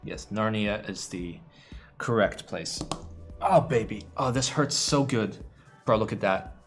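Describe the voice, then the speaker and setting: Faint music sits under the fairly low, unhurried voice of a young American keyboard streamer. He rambles to his live viewers in a casual way, cursing openly and groaning playfully.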